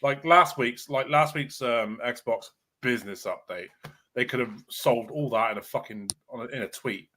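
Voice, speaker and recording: A man's voice: mid-range voice, moderate pace, bright, forceful tone. A man on a gaming podcast panel, talking bluntly and swearing as he rants in casual chat.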